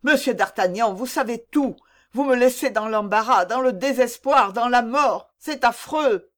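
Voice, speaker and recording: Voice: medium pitch, lively intonation, a little slow, lightly acted. A reader voicing an anguished, lovesick young nobleman who pleads earnestly, in an audiobook reading of a classic novel. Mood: pleading.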